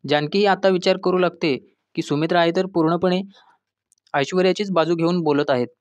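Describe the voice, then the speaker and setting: Higher-voiced man narrating a serial recap. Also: fairly even intonation, brisk, no room sound, muffled recording. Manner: retells scenes, reading characters' lines in quotes; addresses listeners as friends. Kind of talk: scripted episode recap narration.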